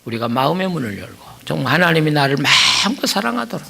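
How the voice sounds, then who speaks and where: A man's voice: fairly high pitch, big pitch swings, fast talker, gravelly, sharp tone, slightly rough. An older man preaching at a church revival meeting, telling stories and leading prayer. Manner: storytelling, chuckling, then earnest prayer. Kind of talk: sermon.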